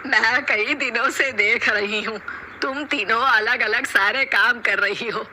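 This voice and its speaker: A woman's voice: a little high, slow, pushed and bright, a little hiss or hum, exaggerated voice. A woman voicing a commanding older mother-in-law in a cartoon story, scolding and giving orders. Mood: stern.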